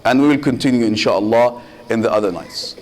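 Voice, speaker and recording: A sheikh gives a Muharram sermon at medium pitch with a somewhat dark tone. Pausing between short, measured phrases, he turns to his listeners with rhetorical questions and slips Arabic religious phrases into his English.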